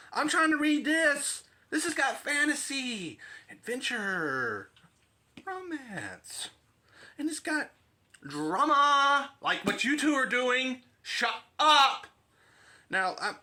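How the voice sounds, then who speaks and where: A man voicing an exasperated romance reader who loudly scolds in a comic skit of arguing with himself. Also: very high-pitched, voice pushed up, full character voice. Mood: indignant shouting, then flustered, fed up. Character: exasperated shouting romance-novel reader, fed up with bickering.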